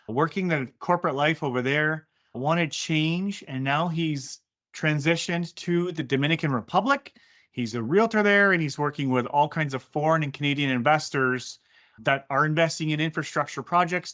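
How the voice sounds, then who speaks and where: A man's voice: on the high side, fairly bright tone. An enthusiastic man hosting a podcast, welcoming and introducing his guest in an upbeat way. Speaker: podcast host.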